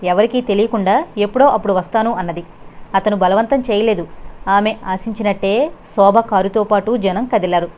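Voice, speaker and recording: A woman's voice: normal speed, darkish tone. Woman reading a novel aloud. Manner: reads characters' lines with rising pitch and force. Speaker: audiobook narrator. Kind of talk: scripted novel narration with voiced dialogue.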